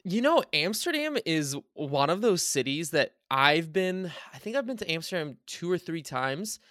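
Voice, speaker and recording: A man's voice: a little high, big pitch swings, moderate pace, fairly bright tone, dry recording, studio quality. A man from Bulgaria hosting a podcast interview over a video call, chatty and enthusiastic, asking long rambling questions. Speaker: podcast host. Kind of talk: casual interview chat.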